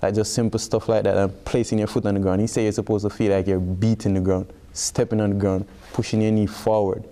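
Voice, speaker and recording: A man's voice: lowish voice, little pitch movement, fairly quick, hardly any pauses, mellow. A young man in his twenties with a Jamaican accent, an athlete chatting in an interview, peppering his explanations with "like". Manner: explains with frequent "like" as filler. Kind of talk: casual interview talk.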